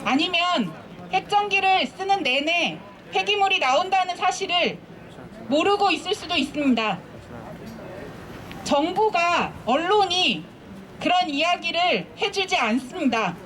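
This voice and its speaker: High-voiced woman giving a rally speech. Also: animated, fairly bright tone. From Seoul. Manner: earnest, measured, repetitive phrasing. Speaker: activist speaker at a rally. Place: outdoors at a street protest.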